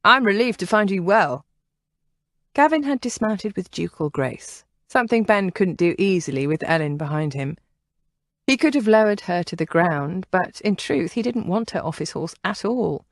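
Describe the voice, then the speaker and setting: A woman narrating a historical romance audiobook in a measured storytelling manner. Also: lowish voice, animated, dry recording. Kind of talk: scripted narration.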